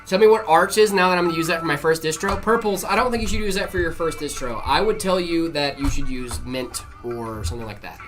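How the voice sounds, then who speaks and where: A man's voice: a little high, quick pace, few pauses, music in the background. A man from North Carolina co-hosting a live stream, chatting casually and reading viewer messages aloud while building a PC.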